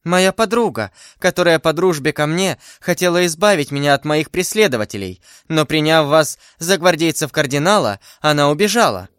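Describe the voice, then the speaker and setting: Man playing a young woman, high-pitched, breathless, pleading, dry close sound. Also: expressive, moderate pace, hardly any pauses, fairly bright tone, clean tone, dry recording. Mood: anxious. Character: young woman, frightened and fading.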